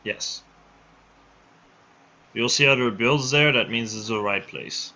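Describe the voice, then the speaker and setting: A man's voice: mid-range voice, slow, sharp tone. A man hosting a live stream over his headset mic, talking casually and rambling with frequent restarts. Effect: livestream headset mic audio. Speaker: livestream host running a build showcase. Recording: dull lo-fi stream audio.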